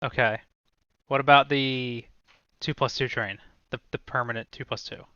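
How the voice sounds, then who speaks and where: A bright, clear male voice, dry and a bit lo-fi in sound. He plays along casually, asking easygoing questions with a wry edge. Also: medium pitch, steady tone, moderate pace, no room sound. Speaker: board game player. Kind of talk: casual chat over a board game.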